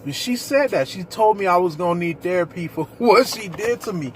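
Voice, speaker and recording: A man's voice: sits high, animated, normal speed, a little hiss or hum. A man leading a ministry, talking earnestly and preacherly straight to his viewers about his own experience. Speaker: ministry leader. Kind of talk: personal testimony vlog.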